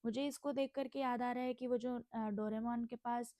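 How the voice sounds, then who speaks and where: A young woman from India teaching a casual language lesson, repeating each word slowly and asking and answering her own questions. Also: fairly high pitch, fairly even intonation, warm tone, dry recording.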